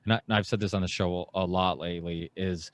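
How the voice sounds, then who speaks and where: A man in his thirties, a podcast host born in Portugal, talking in an animated, rambling way with mocking asides, on a headset and studio mic in a small home studio. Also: deep voice, quick pace. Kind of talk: casual interview chat. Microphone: headset and studio microphone on boom arm.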